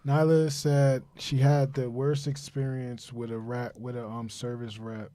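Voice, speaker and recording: A man's voice: mid-range voice, flat delivery, a little slow, warm tone, dry recording. A man co-hosting a casual chat, joking and teasing the others. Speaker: podcast co-host.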